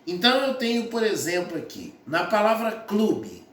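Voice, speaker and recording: A man teaching a grammar lesson, talking slowly, repeating his points and sounding out syllables one by one. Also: sits high, sing-song, fairly bright tone, recorded from a distance. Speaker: Portuguese teacher. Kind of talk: classroom lesson explaining phonetics. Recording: echoey room, voice from off-mic.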